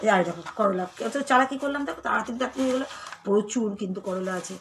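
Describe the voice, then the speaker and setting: A woman's voice: fairly high pitch, rapid-fire, a bit bright, a little hiss or hum. A woman chatting casually to her viewers while cooking in her home kitchen, talking straight to them and now and then using baby talk with a child. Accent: Bengali.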